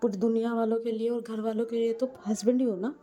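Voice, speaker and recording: A woman's voice: fairly high pitch, level tone, quick pace, warm tone. A woman voicing a playful young wife who teases her husband in an amateur audio story. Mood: teasing. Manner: playful, teasing.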